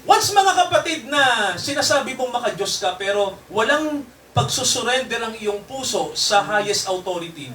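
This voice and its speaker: A man's voice: extremely high pitch, sing-song, normal speed, pushed and bright, roomy sound, distant mic, slight background noise. A man preaching a sermon to his congregation in a mix of Tagalog and English, constantly checking in with tag questions. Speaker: pastor. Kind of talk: Taglish sermon.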